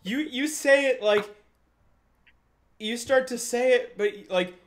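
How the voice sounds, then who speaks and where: A man's voice: very high-pitched, slow. A man running a tabletop game as game master, chatty and often breaking into laughter.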